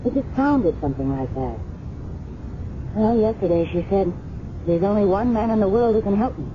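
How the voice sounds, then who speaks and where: In a 1970s radio drama, an American actress plays the shaken, candid roommate of a murdered woman, confiding hesitantly while she recalls events in a troubled way. Her mid-range voice is natural and expressive at a moderate pace, and the broadcast recording is muffled and noisy.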